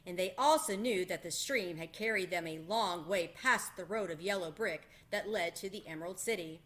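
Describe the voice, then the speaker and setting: A woman narrating a children's storybook aloud in an expressive manner, as the host of a read-aloud. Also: on the low side, normal speed.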